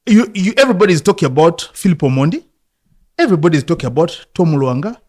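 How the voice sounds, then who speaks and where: A man from Uganda in his fifties, a football coach, telling his life story in a relaxed interview, reflective and often laughing. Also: on the high side, fast talker. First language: Luganda.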